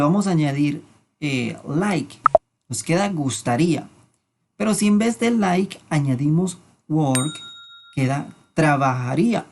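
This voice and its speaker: Patient teacher for a lesson voice-over: unhurried delivery, mid-range pitch, repeats each word carefully to model pronunciation. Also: darkish tone. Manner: alternates explanations with spoken English examples. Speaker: English teacher. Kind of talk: explanatory lesson narration.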